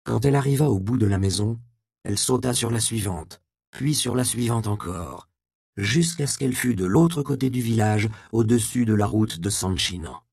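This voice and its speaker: A man narrating a storybook in a measured, expressive reading. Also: on the low side, vocal fry, no room sound, studio quality.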